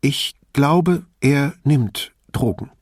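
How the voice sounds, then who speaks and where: A man's voice: medium pitch, husky, no room sound, studio quality, pitched above the performer's own voice. Man voicing a worried, defensive woman professor. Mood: anxious. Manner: tense and quick to bristle.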